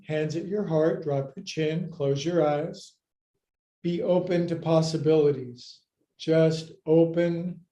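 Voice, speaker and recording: A man's voice: fairly high pitch, a little mellow. A man teaching a live yoga class, cueing moves with playful jokes and counts. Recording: echoey room.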